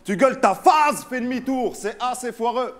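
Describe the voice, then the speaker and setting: A man's voice: very high voice, animated, normal speed, fairly bright tone. A young man rapping mocking battle verses a cappella at an opponent. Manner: mocking, sneering delivery. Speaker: battle rapper.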